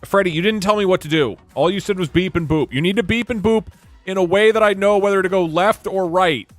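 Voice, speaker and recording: A man's voice: high voice, a little fast, no room sound, faint music behind. A man giving casual, joking commentary while playing a game, laughing often. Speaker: streamer.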